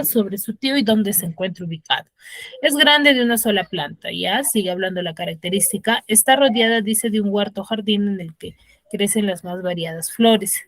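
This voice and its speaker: A woman teaching a class over a video call reads passages aloud at an even pitch, explains their meaning, and calls on students one at a time. Picked up by a computer or phone, her voice sounds dry and close with no room sound.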